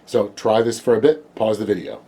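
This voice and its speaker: A man's voice: on the low side, fairly quick, background noise. A man giving a patient, step-by-step video music lesson on the theremin, sounding out rhythms as sung syllables. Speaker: theremin teacher.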